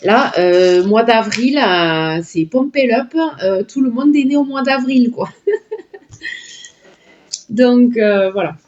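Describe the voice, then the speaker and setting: Slow-talking, chatty woman vlogger. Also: fairly high pitch, animated, darkish tone, muffled recording, a little hiss or hum. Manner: chatty and delighted, full of filler words. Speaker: vlogger unboxing a product. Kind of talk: casual sponsored unboxing chat.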